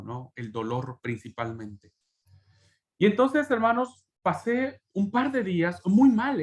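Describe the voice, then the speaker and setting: Earnest man giving an emotional testimony. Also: mid-range voice. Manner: earnest and emotional, often addressing listeners as brothers; frequent tag questions and restarts. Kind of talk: personal testimony in a class.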